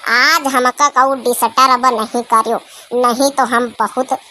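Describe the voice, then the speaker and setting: A bright, high young village woman in a comedy cartoon, voiced by a woman, chatty and teasing. Her tone is bright and sharp, with faint noise in the background. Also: fairly even intonation, measured pace. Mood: coaxing.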